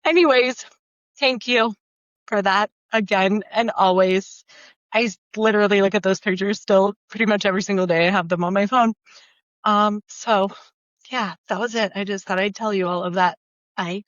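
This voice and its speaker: A woman records a voice memo on her phone while crying. She talks haltingly, trails off into fillers and laughs, and her voice stays tearful throughout. The audio is dull and lo-fi, with a dry sound. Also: medium pitch, fairly even intonation, no echo. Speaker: listener sending a voice message. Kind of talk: emotional voice memo.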